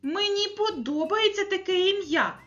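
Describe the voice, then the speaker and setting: Gentle, unsure storybook letter figure, bright and high, a woman doing the voice. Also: normal speed, lo-fi sound, faint music behind. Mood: pleased. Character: puzzled gentle soft consonant letter stranger.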